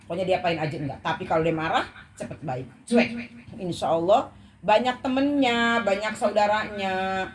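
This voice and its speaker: A woman's voice: medium pitch, normal speed, a little hiss or hum. A woman leading a women's study group, giving an informal talk to a live audience. She jokes with them and keeps asking them questions. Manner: playful, quizzes the listeners and jokes.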